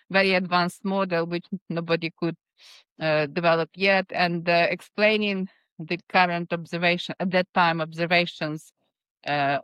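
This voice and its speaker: A woman in her fifties whose first language is Ukrainian, answering interview questions with many pauses and fillers. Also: lowish voice, fairly bright tone, smooth, no room sound. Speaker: guest scientist. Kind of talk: interview answers, recounting career.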